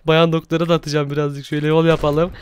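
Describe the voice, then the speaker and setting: A young man hosting Minecraft gameplay commentary, excitable and exclaiming often as he talks to viewers. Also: on the high side, quick pace, smooth, dry recording. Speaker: gaming YouTuber host.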